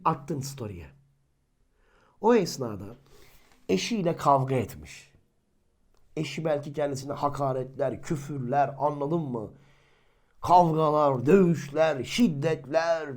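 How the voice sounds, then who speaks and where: A man with a fairly high-pitched voice gives a casual sermon to his listeners. He talks in an easy, everyday way, firing rhetorical questions at them. He slips into the voices of the people in his examples. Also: unhurried. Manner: lively, colloquial, acts out quoted people. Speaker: religious teacher. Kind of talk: informal sermon talk.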